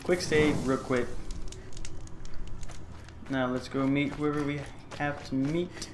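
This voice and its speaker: A man's voice: on the high side, steady tone, slow. Jokey man commenting on gameplay. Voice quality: jokey, chatty, calls characters buddy. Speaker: let's play gamer. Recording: echoey room with clear noise.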